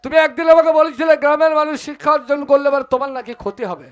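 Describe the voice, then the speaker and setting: Man doing an angry young runaway convict, high-pitched, rapid, declaiming, music under. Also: steady tone, highs cut off. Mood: accusing. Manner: accusing, declamatory. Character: wronged young man escaped from jail, furious. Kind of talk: rural folk stage play.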